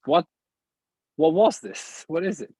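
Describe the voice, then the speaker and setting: Man, philosopher guest, husky voice, dry close sound, halting restarts. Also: on the high side, animated, warm tone, no echo, poor audio. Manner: searching, halting phrasing with many restarts and laughs. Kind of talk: reflective interview conversation.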